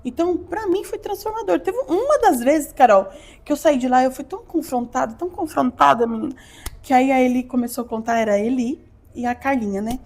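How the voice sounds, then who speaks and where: A woman's voice: sits high, brisk, darkish tone. A Brazilian woman giving an emotional podcast testimony, acting out her own quotes as she tells the story. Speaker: podcast guest.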